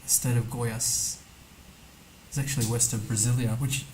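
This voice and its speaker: A man's voice: mid-range voice, flat delivery, normal speed, darkish tone, slight background noise, rough recording. A man streaming a map game, thinking aloud casually as he mutters guesses and reads numbers to himself. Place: indoor streaming setup.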